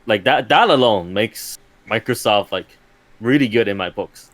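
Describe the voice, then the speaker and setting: Podcast co-host guy, skeptical and measured, voice goes up and down a lot. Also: on the low side, animated, fairly bright tone, dry recording. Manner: measured, skeptical, repeats words when starting. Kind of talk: casual chat.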